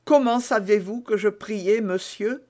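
Reading an audiobook, a man voices a desperate, scheming woman prisoner who pleads and prays tearfully and theatrically, sounding pleading and indignant. He pitches his high voice above his natural one, with a darkish tone and a slightly slow pace.

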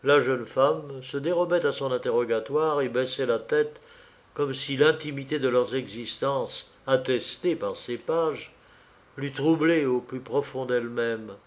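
A man narrating a classic novel aloud in an even, literary storytelling manner. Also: medium pitch, unhurried. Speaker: audiobook narrator. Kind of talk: scripted narration.

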